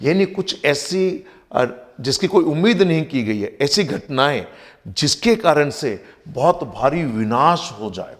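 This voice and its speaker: In this recorded vocabulary lesson, a man with an Indian accent teaches English words in Hindi, mixing in English terms and spelling each word letter by letter. His voice is fairly high, animated, and a little slow.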